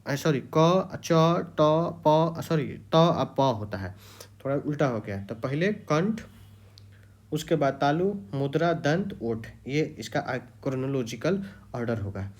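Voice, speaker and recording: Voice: medium pitch, animated, slow pace, darkish tone. A teacher giving an exam-prep grammar lecture, repeating key terms and quizzing the students.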